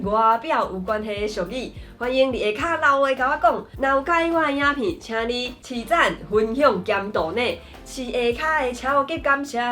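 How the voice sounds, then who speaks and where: A woman's voice: on the high side, fairly bright tone. A woman from Tainan with a southern Taiwanese Hokkien accent, presenting a scripted language lesson in a conversational way with frequent sentence-final particles. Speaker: host of a language lesson channel. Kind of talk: scripted lesson explanation to camera.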